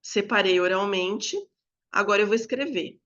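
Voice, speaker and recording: A woman teacher, giving a lesson to other teachers and explaining step by step, sometimes drawing words out slowly. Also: medium pitch, fairly bright tone. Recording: slightly dull, lo-fi sound.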